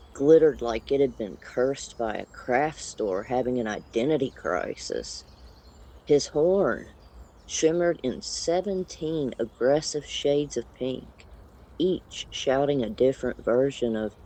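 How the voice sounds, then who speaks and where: A narrator reading a comedic storybook tale in a dry, deadpan way. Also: medium pitch, takes it slowly.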